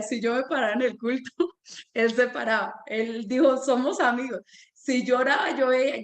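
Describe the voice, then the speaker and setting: A woman who directs a Sunday school, telling a personal testimony in a church teaching as a lively storyteller. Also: fairly high pitch, roomy sound.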